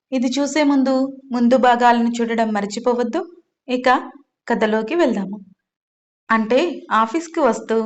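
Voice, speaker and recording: A woman hosting her own channel, narrating a serialized audio story and reading every character's lines herself with little change of voice. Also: a little high. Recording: slightly dull, lo-fi sound.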